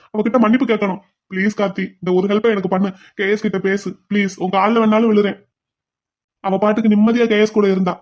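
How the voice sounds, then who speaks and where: A rash, desperate cartoon brother, voiced by a performer rattles through his lines. His middle-pitched voice swings between angry shouts and tearful begging. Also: lo-fi sound, close to an everyday voice. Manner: shouting in anger, then pleading tearfully. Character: hot-tempered man, desperate brother turned penitent. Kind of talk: cartoon voice acting.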